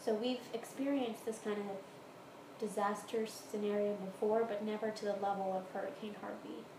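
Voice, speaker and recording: A woman from the Houston area of Texas casually answers interview questions, recounting her own experiences. Her mid-range voice has fairly even intonation and a moderate pace, recorded in a room at home with roomy echo and clear background noise.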